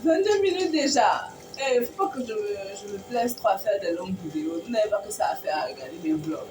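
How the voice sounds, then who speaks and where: A woman's voice: mid-range voice, fast, music in the background. Chatty woman vlogging in an echoey room. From Cameroon. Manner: chatty, rambling, self-correcting. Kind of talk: casual chat to camera. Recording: echoey room, far from mic, noisy.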